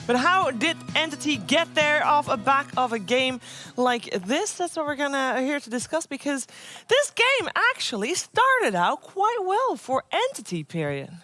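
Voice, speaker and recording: High-pitched woman hosting an esports desk, smooth and steady, handing off to analysts. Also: measured pace, soft background music.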